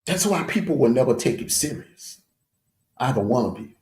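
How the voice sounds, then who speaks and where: A man's voice: mid-range voice, lively intonation, moderate pace, a little mellow. Male streamer host, mocking rant, voice leaps up and down, echoey room. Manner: taunting, jeering, with scornful laughs. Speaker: livestream host.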